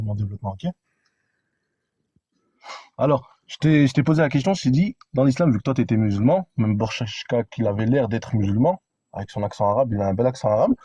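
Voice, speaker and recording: A man calling into a live online debate, with a mellow and slightly husky voice. He explains his view patiently, checking in with "hein" and "ok". The sound is dry and close. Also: medium pitch, no room sound. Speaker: debate caller.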